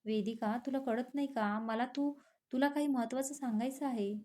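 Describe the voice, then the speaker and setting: A woman voicing a blunt, impatient young man in a storybook romance, in her own mellow voice. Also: high-pitched, fairly even intonation, moderate pace, lightly acted.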